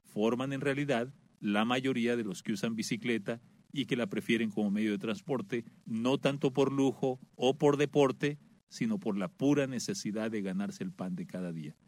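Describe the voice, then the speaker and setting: A man's voice: medium pitch, moderate pace, a little mellow, dry recording. A man hosting a radio talk show, conversational and full of "eh" fillers. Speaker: radio host.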